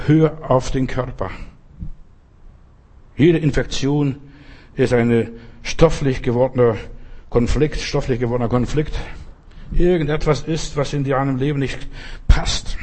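A man's voice: mid-range voice, darkish tone, slightly rough. A man preaching a sermon, addressing listeners directly with many pointed rhetorical questions.

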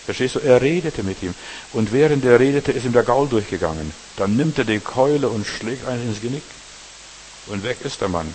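Man, preacher, emphatic sermon, mid-pitched voice, faint hiss. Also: lively intonation, fairly quick, a little mellow, rough recording. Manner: emphatic, talks straight to the congregation with repeated tag questions.

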